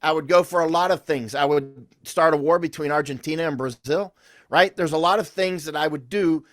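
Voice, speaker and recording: A man's voice: fairly high pitch, brisk, fairly bright tone, no echo, clean studio sound. A man speaking as a podcast guest, telling rambling, anecdotal stories with restarts and confident, emphatic declarations. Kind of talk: conversational interview storytelling.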